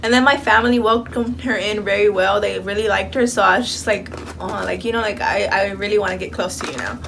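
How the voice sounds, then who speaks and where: A young woman at a middle pitch talking easily with her roommate on camera. She speaks in a relaxed, slightly hesitant way, with "um" and "like" along the way. Faint room noise runs underneath. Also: fairly quick, creaky. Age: young adult. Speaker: vlogger. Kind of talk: casual chat. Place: college dorm room.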